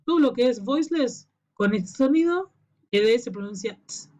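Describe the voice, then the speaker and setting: A woman's voice: fairly high pitch, expressive, moderate pace, a little mellow. Woman teaching pronunciation, patient, keeps asking "sí?", kinda lo-fi audio. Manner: patient, checks in with frequent "¿sí?". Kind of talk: explanatory lesson to camera.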